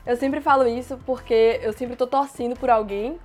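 A woman's voice: on the high side, steady tone, a little mellow, soft background music. Woman teaching English phrases. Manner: explains plainly, repeats English phrases slowly. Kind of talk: casual language lesson.

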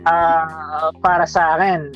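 A man's voice: fairly high pitch, little pitch movement, slow pace, music in the background. Earnest young man, dull lo-fi sound. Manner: earnest, explaining his reasoning with fillers. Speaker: guest, student debater. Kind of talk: casual podcast chat in Taglish.

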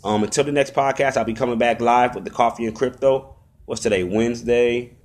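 A man's voice: mid-range voice, a little fast. A man hosting a podcast, delivering a countdown rundown in a formulaic announcer manner while speaking familiarly to his listeners. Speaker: podcast host. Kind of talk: top twenty countdown rundown of crypto market prices.

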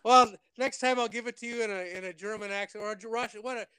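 A man's voice: high voice, fairly even intonation, fast, pushed and bright, clear, resonant tone, dry recording. An older man, a retired Air Force officer, telling stories in a casual interview, rambling with many restarts and quoting others.

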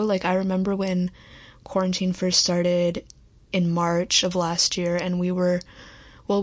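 A woman's voice: on the low side, lo-fi sound. A young woman hosting her own podcast, chatting casually and rambling with lots of "like" and "um". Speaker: podcast host. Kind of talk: casual late-night solo podcast chat.

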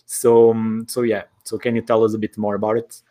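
A man's voice: lowish voice, monotone, a little fast, mellow. A man with a Portuguese accent conducting a conversational interview in his second language, with long rambling lead-ins to his questions.

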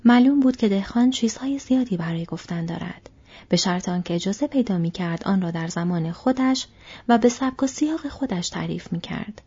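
A woman narrating an audiobook in a steady, measured reading voice. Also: medium pitch, breathy edge, lo-fi sound. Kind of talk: scripted narration.

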